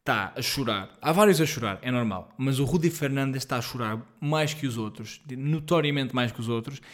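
A man's voice: medium pitch, normal speed. Young adult male podcast host, European Portuguese accent, loose slangy rambling monologue, self-deprecating energy. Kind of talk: casual solo podcast monologue. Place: at home.

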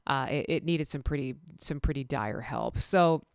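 A woman's voice: a bass voice, moderate pace, creaky, no room sound, clean studio sound. A woman hosting a casual storytelling podcast, a veterinary technician telling work stories in a chatty, self-deprecating way with many restarts. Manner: self-described nervous person.

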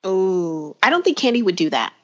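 Husky woman, lively storytelling. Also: medium pitch, moderate pace, highs cut off. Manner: animated storyteller, retells scenes in voices. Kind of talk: casual chat reviewing a TV show.

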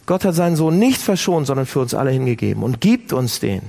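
A man preaching a sermon, speaking directly to his listeners with lively emphasis. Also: mid-range voice, fast talker, vocal fry. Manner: animated, addresses listeners directly.

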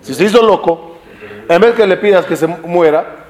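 Man teaching a lively Talmud class. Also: sits high, moderate pace. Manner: animated storytelling with rhetorical questions; mixes Hebrew study terms into his speech. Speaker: Torah teacher. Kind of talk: Talmud class to a live group.

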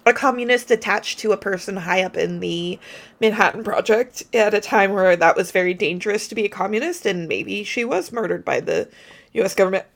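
A woman co-hosts a casual film podcast, eager and opinionated as she works through her reading of a movie. Her voice sits at an ordinary middle pitch for a woman. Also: expressive, fairly quick, vocal fry. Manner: enthusiastic, opinionated, talks through her ideas. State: slight hiccups. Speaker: podcast co-host. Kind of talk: casual film review chat.

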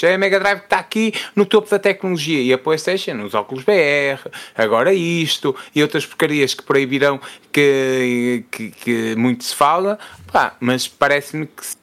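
A man with a European Portuguese accent co-hosting a casual gaming podcast, talking in a halting, reflective way. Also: a little high, a bit bright. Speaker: podcast co-host. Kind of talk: casual gaming news chat.

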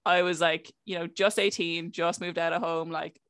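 A woman's voice: on the low side, little pitch movement, moderate pace, a bit bright, clear, resonant tone, dry recording, clean studio sound. A young woman from County Clare with a west of Ireland accent, chatting casually and telling anecdotes, peppering them with "like" and quoted exchanges. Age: young adult. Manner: conversational, frequent filler "like", quoting herself and others.

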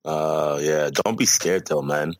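A man's voice: very deep voice, takes it slowly, no echo. A young man co-hosting a casual podcast, laid-back and egging his friend on. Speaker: podcast co-host. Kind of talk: casual chat.

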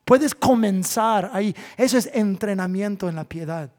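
A man, a pastor preaching a sermon in church, swinging from loud, drawn-out appeals to hushed asides. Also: high-pitched.

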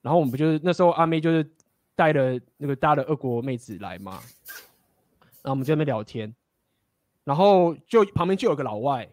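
A man's voice: on the high side, lively intonation, fast, long pauses, a little mellow, no echo. A man, casually telling stories and giving blunt, profane dating advice. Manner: blunt, profane, laughing often.

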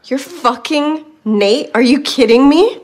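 A woman's voice: sits high, lively intonation, slow. An actress playing a furious young woman confronting her best friend in a TV drama, swearing and accusing. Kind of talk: TV drama dialogue.

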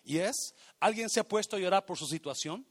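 A man preaching a sermon as pastor, emphatic and repetitive, rising to loud shouts and slipping English phrases into his Spanish. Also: sits high, expressive, normal speed.

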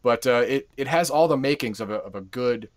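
A man's voice: medium pitch, a little fast. A man co-hosting a game stream, describing games in casual, rambling talk full of fillers. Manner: rambling, many fillers and restarts. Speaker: co-host of a game stream show. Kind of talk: casual game review chat.

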